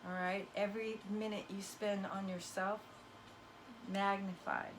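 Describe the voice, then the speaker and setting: Against a noisy background, a hoarse-voiced woman who coughs now and then gives viewers a casual motivational talk as a spiritual card reader. Her pitch sits in a middle range with little movement, and she speaks at a measured pace. She comes across as emphatic, somewhat preachy and folksy.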